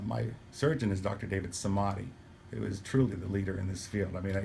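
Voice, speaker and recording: A man talking casually to camera in a halting, explanatory way, sounding weak and dry-mouthed as he recovers from surgery. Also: lowish voice, gravelly, a little mellow. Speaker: patient recording a personal video diary. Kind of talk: casual spoken vlog, explanatory. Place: hospital room. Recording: noticeable background room noise.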